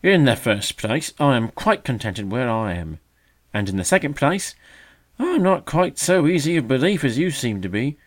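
A man's voice: mid-range voice, expressive, moderate pace, voice pushed up, lightly acted. Man doing a magpie, male, older, conceited, mocking, mock-solemn, raised voice.

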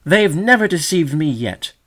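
A man voicing an innocent young male sedge warbler, earnest and high-pitched. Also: very animated, normal speed, a little mellow. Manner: earnest and trusting.

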